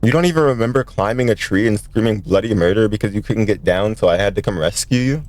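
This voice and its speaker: Low-voiced streamer man. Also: quick pace, a little mellow. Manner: joking, chats with viewers. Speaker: streamer playing a visual novel. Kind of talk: casual let's-play commentary.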